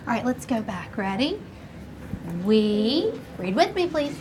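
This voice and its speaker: A woman's voice: a little high, very animated, a little fast. Woman teaching young children, noisy room. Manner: instructive, prompting children with questions. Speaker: primary school teacher. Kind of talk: interactive classroom writing lesson. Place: primary school classroom. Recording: noisy classroom ambience. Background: room noise and young children.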